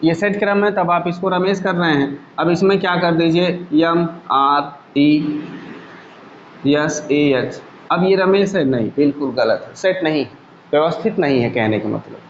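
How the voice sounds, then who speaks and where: Guy teaching a computer class, kinda high voice, echoey lo-fi room. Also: brisk. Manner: explains step by step with everyday examples, asks the class questions. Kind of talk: classroom lecture. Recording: echoey room, dull lo-fi sound, faint hum.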